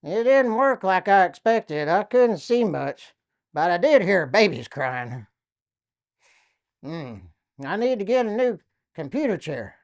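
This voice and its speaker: Lively woman telling dad jokes. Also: mid-range voice, slow. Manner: lively storytelling with acted quotes. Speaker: comedian. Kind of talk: telling silly jokes and stories.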